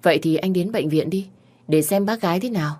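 A woman's voice: lowish voice, a little fast, darkish tone, lightly acted. A woman voicing a young single mother who is protective and strained, shifting from scolding to tearful pleading. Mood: concerned.

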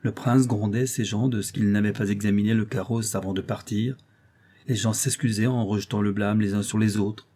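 A man narrating a classic tale as an audiobook reader, in a measured storytelling delivery. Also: fairly low pitch, fairly even intonation, mellow. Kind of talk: scripted narration.

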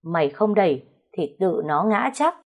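A woman voicing a harsh old male family patriarch who scolds slowly and threateningly. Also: high-pitched, very animated, heavily acted. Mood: furious.

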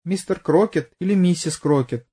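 A man's voice: high voice, moderate pace, warm tone, slightly rough, pitched above the performer's own voice. A man voicing an evasive young woman under questioning who flares up in anger, in an audiobook. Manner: evasive, hesitant, bursts out angrily.

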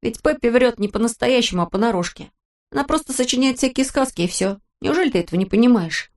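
A woman's voice: on the high side, animated, fast, voice pushed up. A woman voicing a sensible young boy in an audiobook, lecturing his sister in a matter-of-fact, slightly raised voice. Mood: impatient.

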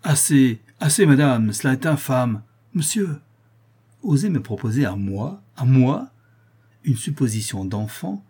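Casting: notaire d'âge mûr indigné, homme lecteur, ton déclamatoire, timbre mat. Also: male voice, medium pitch, warm tone, breathy edge. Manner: outraged, declamatory. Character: indignant self-righteous middle-aged male notary.

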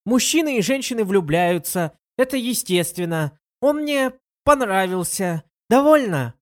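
A reader voicing a shy young girl in love who denies it stubbornly in a high voice. She gets flustered and timid when pressed. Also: lively intonation, a little slow, close to an everyday voice.

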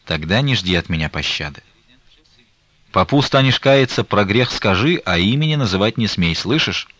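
A man reading the part of a stern, grieving old merchant, talking in a slow, weighty, reproachful way. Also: fairly low pitch, lively intonation, fairly bright tone, dry recording.

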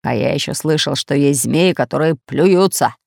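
A woman's voice: sits low, moderate pace, vocal fry, darkish tone, no echo, clean studio sound, voice pushed down. A woman voicing a fat red-bearded pirate captain who growls orders. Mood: bossy. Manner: growling, commanding.

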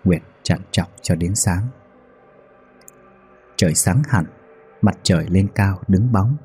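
A man calmly narrating a ghost story in a measured, scripted way. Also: sits low, breathy edge, faint music behind.

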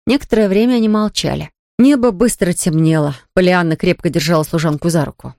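Woman narrator, audiobook, calm and measured, lowish voice, dry close recording. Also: dry recording. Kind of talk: scripted narration.

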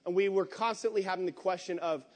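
A man pastor preaching a conversational sermon, animated and candid, swinging between loud emphatic bursts and quiet asides. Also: high-pitched, quick pace. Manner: candid venting tone.

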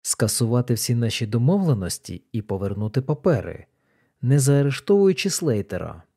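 A man voicing a calm, composed male detective who speaks low and matter-of-fact. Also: normal speed, vocal fry, husky, heavily acted.

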